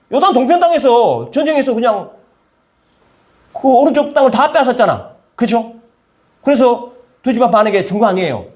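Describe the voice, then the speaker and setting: A male pastor delivers a conversational sermon and keeps asking the listeners questions. His voice sits high for a man. His pitch jumps around with lots of movement. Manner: conversational, animated, asks the congregation questions.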